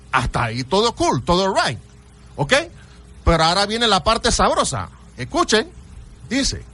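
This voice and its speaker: A man's voice: high-pitched, bright, forceful tone. A man hosting a radio call-in show, talking emphatically and theatrically and urging listeners to pay attention. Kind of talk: radio call-in talk on history.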